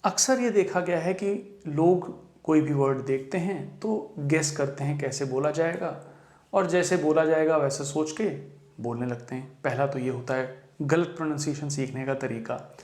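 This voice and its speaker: A man's voice: fairly high pitch, moderate pace, darkish tone, roomy sound. A man giving a pronunciation lesson, explaining patiently and mixing phrases into his talk. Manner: explains patiently, mixes English phrases into Hindi. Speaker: English teacher. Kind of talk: Hindi-language pronunciation lesson.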